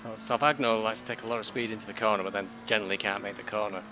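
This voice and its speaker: Low-voiced man commentating as he races. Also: fairly even intonation, rapid-fire. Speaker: sim racer commentating on his own race. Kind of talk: casual driving commentary. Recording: car engine noise behind.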